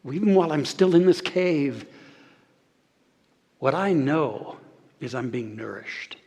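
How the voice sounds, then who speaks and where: Guy preaching in a big church, slightly high voice, lots of pauses and hushed bits, long echo tail. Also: animated, breathy edge. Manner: dramatic pauses, swings from loud to hushed. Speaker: pastor. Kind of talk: sermon. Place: large church sanctuary. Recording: long hall reverb.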